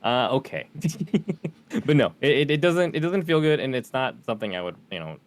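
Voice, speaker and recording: A man's voice: medium pitch, animated, normal speed. A man guesting on a podcast, chatting in a laid-back way, laughing often and stammering on restarts. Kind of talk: casual chat.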